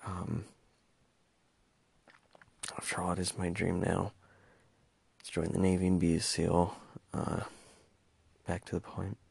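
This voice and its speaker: Young man, deep flat voice, hesitant, stumbling, casual monologue, dry close sound. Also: slow, vocal fry, pauses often, husky, no echo. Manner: hesitant, stumbling with many fillers. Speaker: podcast host.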